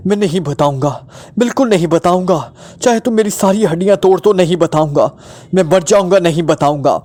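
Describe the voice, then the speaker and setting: A man's voice: high-pitched, lively intonation, normal speed, dark tone, pitched above the performer's own voice. A man voicing a panicky one-eyed male villain held captive, who shrieks and pleads. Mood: defiant panic.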